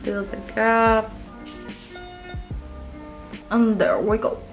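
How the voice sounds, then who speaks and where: A woman's voice: a little high, steady tone, drawn-out words, faint music behind. A young woman talking viewers through her makeup in a chatty, playful way, as a casual tutorial vlog. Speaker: makeup vlogger.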